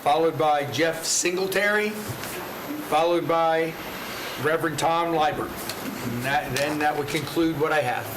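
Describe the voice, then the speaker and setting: A man's voice: fairly high pitch, measured pace. A man chairs a formal public meeting with a courteous, procedural manner, calling up speakers. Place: indoor public meeting chamber. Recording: echoey meeting room with clear background noise.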